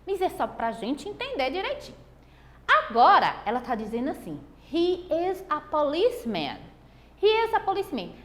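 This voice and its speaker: A Brazilian woman teaching an English lesson with a Brazilian Portuguese accent, stretching out her example phrases slowly. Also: sits high, long reverb tail. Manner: animated, drawn-out examples. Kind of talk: recorded online lesson.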